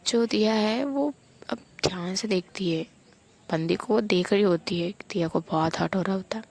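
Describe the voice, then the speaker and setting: Husky woman whispering a love story. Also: medium pitch, moderate pace. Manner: soft, intimate whispering. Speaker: audio story narrator.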